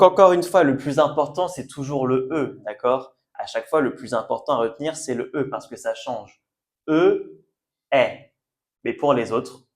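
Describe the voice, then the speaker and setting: A man giving a French language lesson, patiently repeating sounds and words and often checking that learners follow. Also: mid-range voice. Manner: checks understanding with "d'accord?". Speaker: French teacher.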